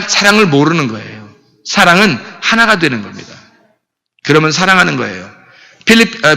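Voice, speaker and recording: A male pastor preaches a Sunday sermon in a high, very bright voice. He repeats his points and asks the congregation rhetorical questions. A long reverb from the church sanctuary trails behind each phrase. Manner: emphatic preaching with many repetitions and rhetorical questions.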